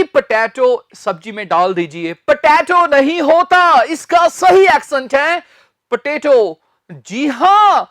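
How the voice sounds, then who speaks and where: A man teaching English pronunciation, repeating each word slowly and emphatically for learners to copy. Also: extremely high pitch, fairly bright tone, no echo, clean studio sound. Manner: slow and emphatic, repeating words for drill. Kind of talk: spoken English lesson.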